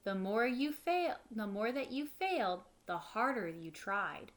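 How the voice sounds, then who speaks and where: A children's read-aloud takes place in a living room, where a woman in her thirties voices a picture book like a teacher. She pitches her voice on the high side, sounds very animated, and reads a little slowly, offering simple explanations along the way.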